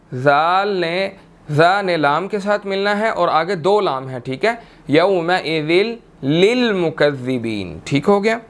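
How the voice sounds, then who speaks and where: Slow, clear-voiced male recitation teacher. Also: high voice. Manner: patient step-by-step explaining, often checking in with "okay"; drawn-out melodic chanting when reciting verses. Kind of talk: tajweed lesson, recites a verse slowly then explains it.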